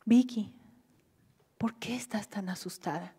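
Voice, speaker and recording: A woman with a Bolivian Spanish accent preaching a sermon in a church hall, dropping to near-whispers and rising to loud cries. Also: mid-range voice, unhurried, slightly rough. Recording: livestream with long hall reverb.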